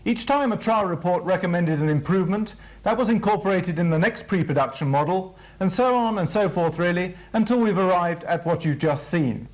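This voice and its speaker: A British man with a notably high, expressive voice presents a formal military briefing as the presenter of a training film. He works from a script and explains things in a measured way. The recording is rough.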